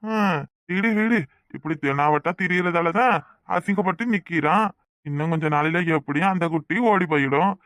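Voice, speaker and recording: A man's voice: on the high side, moderate pace, fairly bright tone, dry recording, lightly acted. A man voicing a preachy, gossiping older village uncle in a cartoon, speaking with a Kanyakumari Tamil accent. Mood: mocking. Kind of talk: cartoon voice acting.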